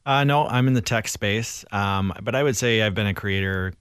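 A man's voice: fairly low pitch, moderate pace, a bit bright, clear, resonant tone, no echo, clean studio sound. A man working as a filmmaker, answering in a thoughtful, casual way. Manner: thoughtful, casual, many fillers. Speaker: filmmaker guest. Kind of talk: interview answer.

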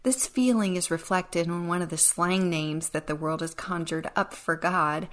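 A woman's voice: fairly low pitch, steady tone, moderate pace. A woman hosting a devotional podcast, teaching in an earnest, reflective way with a touch of dry sarcasm. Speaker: podcast host.

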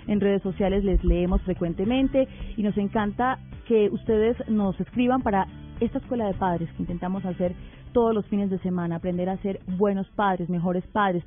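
A woman hosting a radio talk show, speaking in a measured, deliberate way and asking probing questions. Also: medium pitch. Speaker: radio host. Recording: narrow phone-like radio sound with faint music bed.

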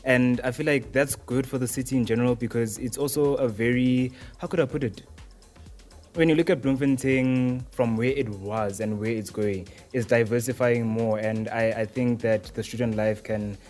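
A man's voice: medium pitch, steady tone, normal speed, a little mellow, soft background music. A young man from Johannesburg answering interview questions, hesitant and rambling with restarts. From Johannesburg, South Africa. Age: young adult. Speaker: interviewee, student radio presenter.

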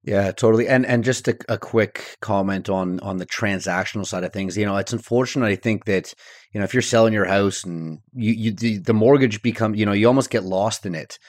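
A man's voice: fairly low pitch, fairly quick, no echo, studio quality. A man hosting a podcast, giving advice in a casual, conversational style. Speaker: podcast host.

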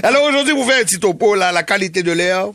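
Man doing a weatherman, boastful, singsong, high-ish voice, dry studio. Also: animated, fast, sharp tone, dry recording, heavily acted. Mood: playful. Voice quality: singsong, theatrical, hammy. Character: boastful Haitian male radio weatherman. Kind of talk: comedy radio sketch.

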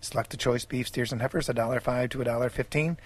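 A man's voice: mid-range voice, steady tone, fast talker. A man reading a farm radio livestock market report, reeling off prices.

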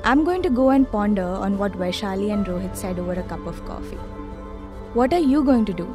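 A woman delivers a scripted podcast sign-off as host. Her pitch is average, and music plays clearly behind the voice. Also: expressive, fairly quick.

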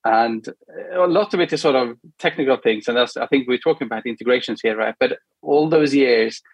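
This Swedish product manager, middle-aged, speaks as a guest in a relaxed interview chat, his husky medium-pitched voice halting with ums and frequent tag questions to check in. The sound is lo-fi and dry, without room echo.

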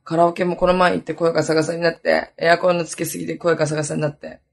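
A woman around thirty hosting her own podcast, hoarse today and chatting in a lively, rambling way with many asides. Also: sits low, very fast. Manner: chatty, animated storytelling with lots of asides. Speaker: podcast host. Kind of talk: casual solo podcast chat.

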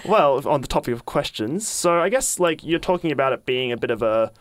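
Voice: medium pitch, lively intonation, a little fast, no room sound. A radio host, speaking in an easygoing, chatty way while interviewing a guest in a studio.

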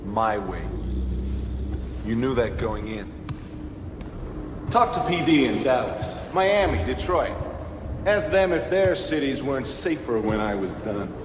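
An actor playing a cold, confident police lieutenant who speaks in terse, clipped lines, heard in a film clip. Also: male voice, medium pitch, big pitch swings, a little slow, long pauses. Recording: film clip with reverb and background noise.

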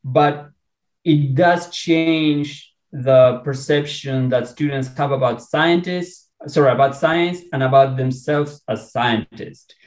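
Guesting on a podcast, a male researcher from Argentina talks with an Argentine Spanish accent, eager yet halting and full of restarts. His pitch is medium and the recording has a roomy sound.

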